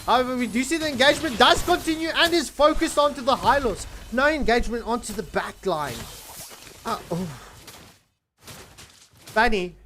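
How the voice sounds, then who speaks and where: A man giving live esports commentary in an animated, chatty way, repeating himself for emphasis. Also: very high voice, moderate pace, long pauses. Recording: noisy stream mic with clicks.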